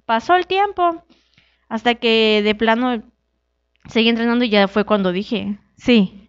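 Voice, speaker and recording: A woman's voice: unhurried, smooth, no echo, lo-fi sound. A young woman from Mexico, a wrestler being interviewed, telling her story casually and acting out the dialogue. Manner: animated, acts out quoted dialogue with shifting pitch. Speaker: guest, wrestler.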